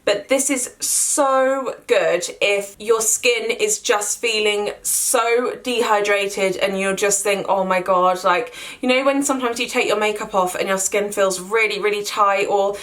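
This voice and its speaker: A woman's voice: medium pitch, steady tone, a little slow, few pauses, a bit bright. A woman in her twenties giving a casual, chatty skincare review, often doubling words for emphasis and filling gaps with "like". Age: 20s. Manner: chatty, repeats words for emphasis, many fillers. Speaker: beauty vlogger.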